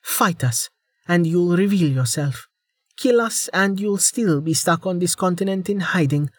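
A man doing a blunt young adventurer woman from a storybook, raised well above his own pitch. She is sharp and impatient, heard dry and close. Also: lively intonation, normal speed, no room sound. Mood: heated.

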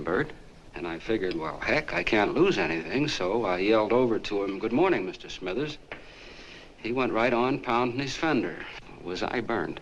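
A chatty small-town soda jerk who rambles on in a folksy way, his voice sitting very low. It sounds like an old 1940s film soundtrack with a faint hiss under it. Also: vocal fry, a bit bright, lo-fi sound, heavily acted. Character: earnest small-town soda jerk, middle-aged man. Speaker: soda fountain clerk telling a story.

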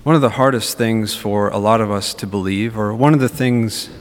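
A man's voice: on the low side, moderate pace. A young adult man reading the gospel and preaching in a large church, speaking in earnest short phrases, with a cathedral echo. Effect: cathedral echo, long church reverb. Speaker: preacher at a Mass. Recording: long reverb of a large church.

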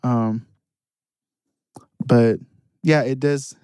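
A man's voice: medium pitch, fairly even intonation, drawn-out words, dark tone, clean tone, no echo. Twenty-something guy musing on a podcast, um-ing a lot, dry mic. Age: 20s. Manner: hesitant, reflective, many fillers. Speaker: podcast co-host. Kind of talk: casual chat.

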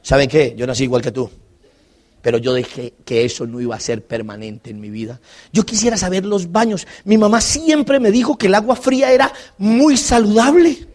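A Colombian man with a noticeably high-pitched voice gives a lively motivational talk. He tells stories and jokes and keeps turning to the audience with questions. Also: normal speed. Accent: Colombian Spanish. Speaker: motivational speaker. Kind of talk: live storytelling talk to an audience.

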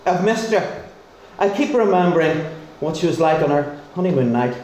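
Man playing a meek, high-voiced husband. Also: expressive, moderate pace, darkish tone, close to an everyday voice. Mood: dreamy, lovesick. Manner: timid, polite, pleading. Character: meek, lovesick little abandoned husband. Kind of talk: stage farce acting. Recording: very echoey stage, faint noise.

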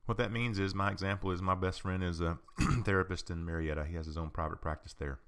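A man giving an informal talk on personal boundaries, explaining patiently with rhetorical questions, frequent ums and an occasional cleared throat. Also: low voice, steady tone, fast talker, fairly bright tone. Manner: clears his throat often.

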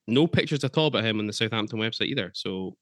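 A man hosting a casual football podcast, chatty and quick to swear, laughing between points. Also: fairly low pitch, animated, no room sound. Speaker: podcast host.

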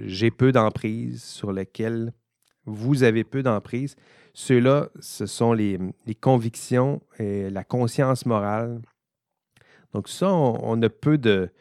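A man's voice: medium pitch, a little mellow, no room sound, studio quality. A man, an ethics professor giving an informal recorded lecture, thinking aloud and speaking directly to his students.

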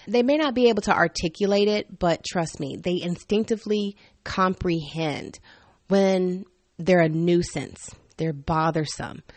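An animated woman in her thirties tells stories in a candid, funny way and laughs often. Her voice sits fairly low, and the recording is dry and close. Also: dry recording. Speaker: podcast host. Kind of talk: personal storytelling monologue.

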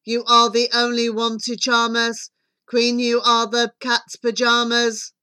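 A woman voicing a talking magic mirror in a storybook, declaiming grandly, flattering yet blunt. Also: on the high side, a little slow, smooth, no room sound.

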